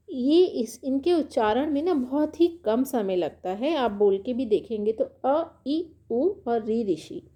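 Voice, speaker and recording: Woman, grammar teacher, screen-recorded lesson, slightly high voice, unhurried. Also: dark tone. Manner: slow, patient explaining, reads out letters one by one. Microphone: screen recorder voice-over.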